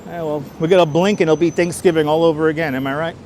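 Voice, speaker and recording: A man's voice: on the high side, steady tone, fast talker, darkish tone, a little hiss or hum. A man hosting a live walking stream outdoors on a city street. He talks casually on a clip-on wireless mic, chuckles often and chats with viewers. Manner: chatty, reads chat aloud, chuckles often. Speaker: livestream host.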